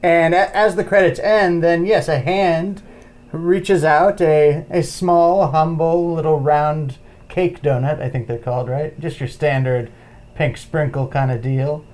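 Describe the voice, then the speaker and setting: A man's voice: on the high side, steady tone, unhurried, darkish tone. Playful podcast man, swinging volume. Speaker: podcast co-host. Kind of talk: casual film review chat.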